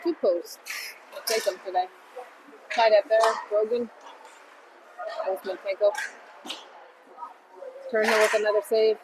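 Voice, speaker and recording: Her medium-pitched voice stays fairly even and a little slow, with long pauses, as a woman calls a hockey game play by play. It's casual amateur commentary from the ice rink, chatty and rooting for the home team, with noisy ambience around her.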